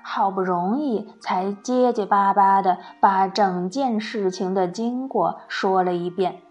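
A woman narrating a children's story in an expressive, storytelling way. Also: medium pitch, slow, soft background music.

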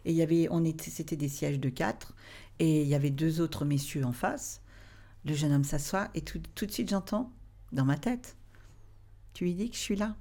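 A woman with a fairly low voice, telling personal anecdotes as a podcast guest. She talks with lively animation, acts out the voices of the people she quotes, and slips into whispered asides. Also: moderate pace. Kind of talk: anecdotal storytelling.

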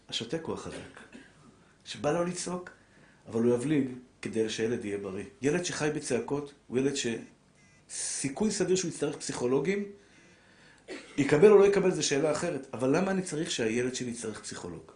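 In an echoey room, a middle-aged man lectures as a rabbi on marriage, his lively, sermon-like delivery shifting from quiet, low passages to raised, urgent ones.

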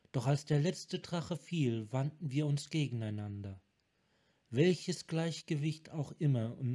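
A man voicing a calm, wise female monk who leads her clan, speaking softly and with measure, in a fan audiobook reading. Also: a little high. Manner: soft, measured.

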